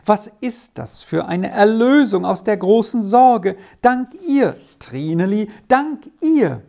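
A woman voicing an old grandmother, kindly and overjoyed, speaking in a high, quavering, fervent voice in a read-aloud storybook. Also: unhurried, creaky, dark tone.

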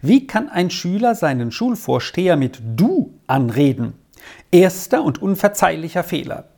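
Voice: mid-range voice, big pitch swings, moderate pace, vocal fry, dark tone, pitched above the performer's own voice. A reader voicing a stern, scolding headmaster. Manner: scolding, indignant, lecturing. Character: stern, pedantic male school headmaster. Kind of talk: audiobook reading of a letter.

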